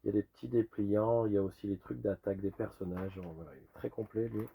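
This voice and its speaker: Man, rusty hoarse voice, low-pitched, gravelly fry, casual rambling show-and-tell, faint noise behind. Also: fairly even intonation, quick pace, narrow, tinny audio. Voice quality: rusty, worn voice. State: hoarse from lingering cough and illness. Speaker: retro game collector presenting a sale.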